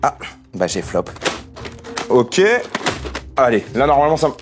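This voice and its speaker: A young man giving excited, slangy commentary to his viewers while searching for someone. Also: medium pitch, measured pace, music in the background. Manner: hyped, slangy, keeps addressing "les gars". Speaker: seeker in a hide-and-seek video.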